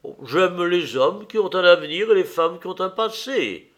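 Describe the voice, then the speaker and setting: A man's voice: sits high, lively intonation, normal speed, a bit bright. A man voicing a witty, cynical English lord who speaks in languid, epigrammatic phrases.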